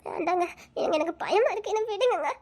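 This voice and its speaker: A woman's voice: extremely high pitch, animated, fast, darkish tone. A woman voicing a timid young woman who whimpers and pleads nervously. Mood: frightened, pleading. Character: timid young woman, scared of being caught. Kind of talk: amateur drama acting.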